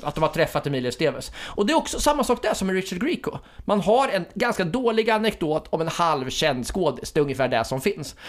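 Chatty man with a higher voice. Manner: chatty, lots of fillers and restarts. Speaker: podcast co-host. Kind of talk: casual film discussion.

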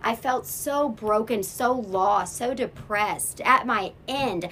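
A woman sharing a heartfelt faith testimony as a guest, halting and restarting as she speaks. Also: fairly high pitch, a bit bright, a little hiss or hum. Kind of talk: emotional personal testimony.

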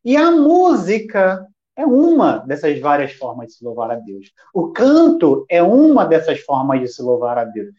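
A man teaches on a live stream, and his pitch swings widely as he talks. He talks straight to the chat and fires questions at himself before answering them. The sound is dull and lo-fi. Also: wildly swooping pitch, moderate pace, dark tone. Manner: talks directly to chat viewers. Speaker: worship music teacher.

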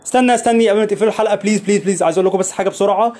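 A man's voice: sits high, steady tone, racing, a little mellow, faint music behind. A young man with an Egyptian Arabic accent, hosting a motivational podcast in an earnest way and repeating phrases for emphasis. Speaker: podcast host.

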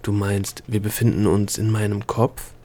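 A man's voice: on the low side, little pitch movement, moderate pace, warm tone. A man voicing a curious, sickly young princess in an audiobook reading, asking eager, wondering questions. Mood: amazed.

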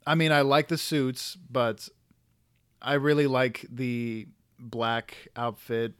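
A man's voice: medium pitch, level tone, takes it slowly, a bit bright, clean tone, dry recording, studio quality. A man casually co-hosting a podcast, talking hesitantly with restarts and fillers. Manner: hesitant, restarts, many fillers like "you know". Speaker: podcast co-host. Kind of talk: casual chat about comics.

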